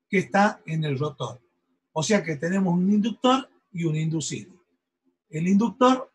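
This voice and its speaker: A man's voice: high-pitched, breathy edge, poor audio. A man giving an engineering lecture, explaining step by step and often checking in with his students. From Argentina. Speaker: university lecturer.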